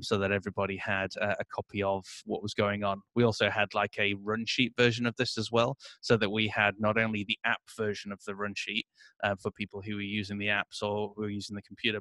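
A man explaining a software setup during an interview, walking through his screen in a relaxed, filler-heavy way. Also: fairly low pitch, dry recording. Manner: explanatory, many fillers and "et cetera". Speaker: interview guest, agency owner. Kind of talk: casual screen-share walkthrough.

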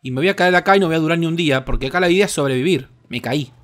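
A young man with a Rioplatense Spanish accent, commenting on his gameplay in an excitable, crude way with lots of swearing. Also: on the high side, rapid-fire. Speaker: gaming host.

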